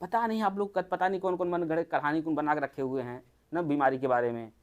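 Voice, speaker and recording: Doctor, mid-pitched, casual group health talk, keeps firing rhetorical questions. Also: quick pace, dull audio. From Uttar Pradesh, India. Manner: chatty, asks the listeners many rhetorical questions.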